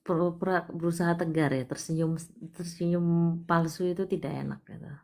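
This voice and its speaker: A woman hosting a live palm-reading stream, talking to a caller in a coaxing way and often dropping to a hushed voice. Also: lowish voice, fairly even intonation, normal speed. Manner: coaxing, repeatedly urging the caller to cry; drops to soft, hushed delivery.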